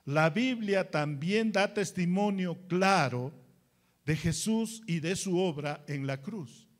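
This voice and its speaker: A man with a Peruvian Spanish accent delivers a sermon in a fairly high voice. He takes his time, stretching out his phrases and asking the congregation rhetorical questions. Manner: slow, emphatic preaching with rhetorical questions. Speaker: pastor.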